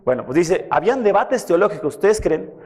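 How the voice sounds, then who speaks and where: Middle-aged male pastor with a high voice, casual sermon delivery that uses fillers and plays out dialogue, reverb-heavy hall. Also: very animated, a little fast, a little mellow. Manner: conversational preaching with fillers and acted dialogue. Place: church meeting hall.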